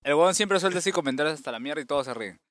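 A man's voice: a little high, animated, rapid-fire, a crowd in the background. A tipsy man, a podcast guest talking bluntly and cursing in casual banter.

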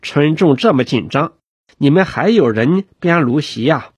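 A man doing a brisk, joking county official. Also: fairly high pitch, expressive, husky, no room sound. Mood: chatty. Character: brisk, good-humoured male county official.

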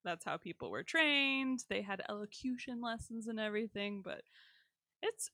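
A woman's voice: fairly high pitch, animated, moderate pace, bright, forceful tone, no echo, studio quality. A woman co-hosting a podcast, chatting casually with joking, self-deprecating asides. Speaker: podcast co-host. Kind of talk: casual chat.

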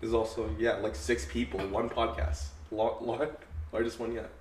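A man's voice: mid-range voice, completely flat delivery, moderate pace. A young man in his twenties, a student club president, chatting earnestly. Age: 20s. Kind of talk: casual chat. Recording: echoey room, faint noise.

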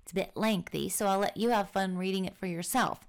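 A woman's voice: mid-range voice, fairly even intonation, fairly quick, vocal fry. A woman hosting her own podcast, reading a scripted, upbeat and encouraging introduction. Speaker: podcast host and founder.

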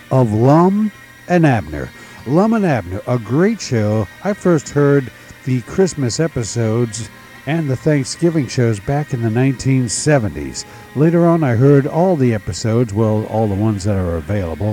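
Older man, warm mellow tone, lively intonation, folksy halting show host, casual rambling introduction. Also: medium pitch. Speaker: old-time radio show host.

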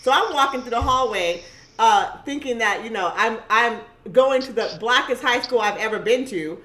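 A woman in casual conversation, talking in an animated and emphatic way. Her voice sits fairly high, and her tone is bright. She often breaks off and restarts her sentences. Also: normal speed. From Costa Rica.

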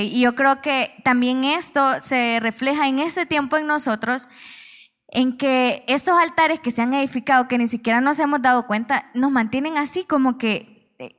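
A woman's voice: high-pitched, fairly bright tone. A woman, preaching a sermon and telling a personal testimony in an earnest way, with frequent restarts.

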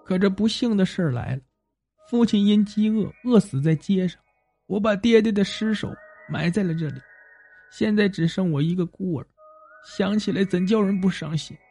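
A man voicing a young female ghost disguised as an orphan girl, speaking softly and sorrowfully. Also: high-pitched, moderate pace, faint music behind. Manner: soft, sorrowful, pleading.

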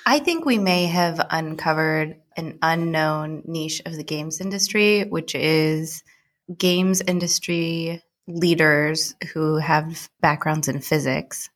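A woman's voice: low-pitched, slow. A woman hosting a podcast, chatting and asking questions in an upbeat, informal way. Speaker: podcast host. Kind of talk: casual chat and interviewing.

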